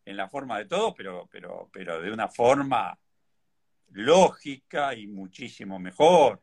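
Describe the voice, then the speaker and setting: A man's voice: on the low side, expressive, measured pace, vocal fry, darkish tone, slightly rough. A man from Argentina with an Argentine Spanish accent, speaking bluntly as a livestream guest. He is opinionated and repeats words for emphasis. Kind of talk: casual chat.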